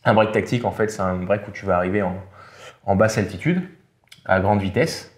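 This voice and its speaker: A man, a pilot guest, explaining calmly and matter-of-factly in a casual interview. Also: low voice, fairly quick, reverberant. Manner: calm, matter-of-fact explainer.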